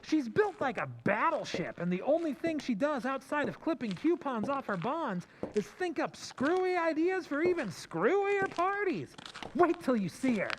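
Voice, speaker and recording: In an old-time radio drama, an actor plays a cynical young man griping sardonically to his fiancée, using slang and exaggeration. His voice is very high-pitched and very animated at a normal speed, with some noise in the background.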